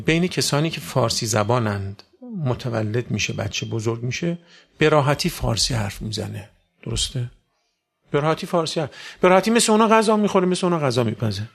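Gravelly-voiced man preaching a sermon. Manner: rhetorical questions, sudden loud rises in pitch. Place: religious gathering with audience.

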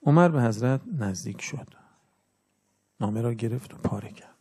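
A man delivers a sermon in a gravelly, slightly rough voice. He teaches earnestly and instructively, his loudness swelling and falling as he makes his points. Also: medium pitch. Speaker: religious preacher.

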